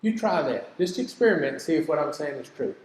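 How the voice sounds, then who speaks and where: An older man with a drawl teaches in a homespun, storytelling way, earnest and plain-spoken. His voice sits a bit high for a man. The sound rings through a reverberant hall, with a long echo trailing each phrase. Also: big pitch swings, fast talker, darkish tone, slight background noise. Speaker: business teacher. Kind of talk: folksy teaching talk.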